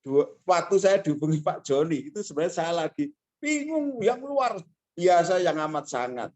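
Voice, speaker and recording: This man's voice sits high and has a sing-song quality at a moderate pace. As a guest speaker on a video call, he gives a fiery motivational talk, telling emphatic stories and alternating between soft asides and loud bursts.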